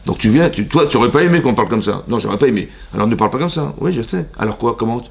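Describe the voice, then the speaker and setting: Fast-talking gravelly rabbi teaching a class. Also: male voice, medium pitch, animated. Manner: asks the audience rhetorical questions and acts out both sides of imagined dialogues; uses Hebrew religious terms in everyday French speech. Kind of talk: lively mixed Torah class to a congregation. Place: synagogue classroom.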